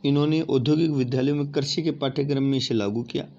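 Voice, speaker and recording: A man's voice: mid-range voice, steady tone, fast talker, dark tone. Hindi-speaking male teacher, lo-fi audio. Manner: addresses listeners as friends, asks and answers his own questions. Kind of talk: exam-prep lecture. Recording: dull lo-fi audio with faint noise.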